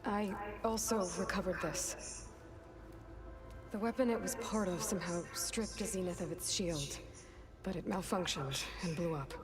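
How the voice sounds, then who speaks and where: A woman's voice: lowish voice, natural voice. A woman playing a determined, guarded young warrior heroine in a video game, terse and resolute. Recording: loud game music behind.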